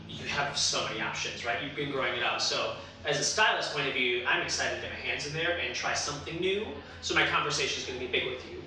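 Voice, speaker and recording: A man working as a hairstylist, giving casual advice in an expressive, encouraging way, speaking straight to the listener. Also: on the high side. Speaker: hairstylist and show panelist. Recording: very echoey room, distant mic, faint noise.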